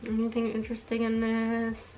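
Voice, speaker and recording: A woman's voice: a little high, completely flat delivery, normal speed, darkish tone, soft background music, low-quality recording. A young adult woman reading her own childhood diary aloud in an embarrassed, amused way, with casual asides and dramatic emphasis. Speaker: vlogger.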